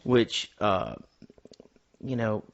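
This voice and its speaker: Male podcast host, lower-pitched middle range, halting casual movie talk, slightly lo-fi recording. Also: big pitch swings, creaky. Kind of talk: casual film discussion with a co-host. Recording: dull, lo-fi sound.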